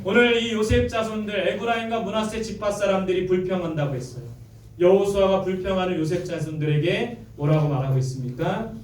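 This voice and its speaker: A man's voice: high-pitched, a little fast. A male pastor delivering a sermon, reading scripture aloud and leading his congregation in call-and-response. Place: church sanctuary. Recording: echoey church, mic at a distance. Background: congregation answering amen.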